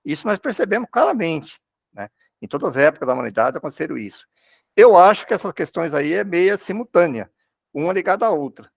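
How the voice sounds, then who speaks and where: A man with a Brazilian accent talking in a religious study group, halting and repeating words as he thinks. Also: sits high, big pitch swings, gravelly, no echo, studio quality. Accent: Brazilian Portuguese.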